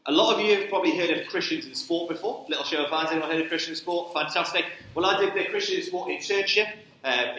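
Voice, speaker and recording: In a very echoey church hall, a sports ministry director from Newcastle, England, speaks as a guest in a slightly high, bright, forceful voice. In his thirties with a Geordie accent, he gives a chatty talk about sports ministry and keeps asking "okay?".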